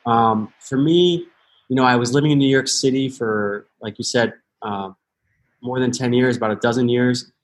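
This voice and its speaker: A man's voice: medium pitch, moderate pace. An American man in his thirties, a podcast guest, talking earnestly and thoughtfully, often restarting his sentences. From United States. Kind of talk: reflective interview talk.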